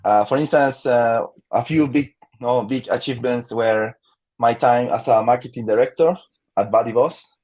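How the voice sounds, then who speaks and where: A man's voice: mid-range voice, moderate pace, darkish tone. A man from Chile with a Chilean Spanish accent, a guest in a casual interview, talking with many fillers and restarts and laughing easily.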